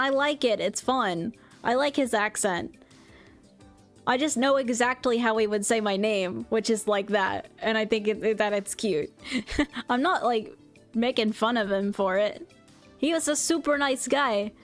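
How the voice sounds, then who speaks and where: A woman streamer chatting casually and rambling, with lots of fillers and restarts. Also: fairly high pitch. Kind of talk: casual chat recounting a convention.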